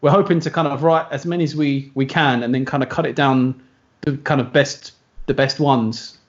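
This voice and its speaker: Rambling musician, lo-fi call. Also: male voice, medium pitch, fairly even intonation, moderate pace. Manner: rambling, self-correcting. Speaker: band member. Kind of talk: casual video call interview.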